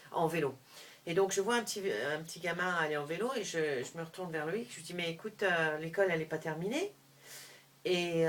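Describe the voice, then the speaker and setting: A middle-aged woman telling a personal story to camera, animated, with frequent restarts, moving between hushed and loud. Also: low-pitched. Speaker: vlogger.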